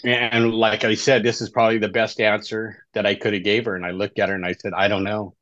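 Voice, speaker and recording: A man's voice: fairly low pitch, level tone, a little fast, fairly bright tone, no echo. Chatty middle-aged man telling his story. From Southern California. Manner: conversational, keeps tagging lines with "right?". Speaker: guest, life coach. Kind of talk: storytelling interview. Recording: dull, slightly lo-fi dry audio.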